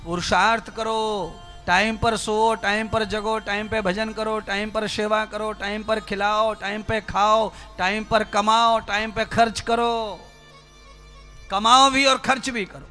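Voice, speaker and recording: A man's voice: high voice, level tone, slow, pushed and bright, faint music behind. A man preaching a sermon, exhorting his listeners with rhythmic repeated phrases. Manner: exhorting, direct address to listeners, rhythmic repetition. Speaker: spiritual preacher.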